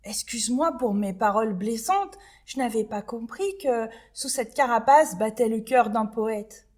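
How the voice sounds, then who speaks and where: A woman voicing a haughty young female butterfly in a children's storybook reading, scolding in a high, loud voice. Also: unhurried. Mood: apologetic.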